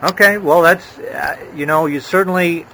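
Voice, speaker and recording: A male podcast host with a somewhat high voice who keeps a relaxed, friendly tone. He laughs often as he chats with his guest in a casual interview. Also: normal speed, a little hiss or hum.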